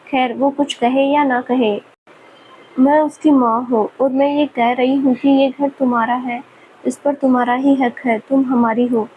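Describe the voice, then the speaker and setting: A woman's voice: high voice, fairly even intonation, unhurried, narrow, tinny audio, a little hiss or hum. A woman voicing an affectionate middle-aged mother who scolds and teases her son. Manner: scolding yet loving, motherly.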